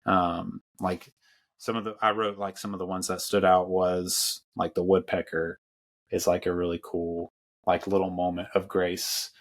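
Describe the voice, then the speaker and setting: A man's voice: sits low, flat delivery, measured pace. A man hosting a podcast, talking casually about films with many fillers and restarts. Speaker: podcast host. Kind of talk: casual film discussion.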